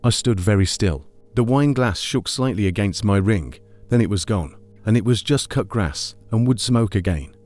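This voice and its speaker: Low guy reading a creepy story, measured and somber, scripted narration. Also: lively intonation, a little mellow, soft background music.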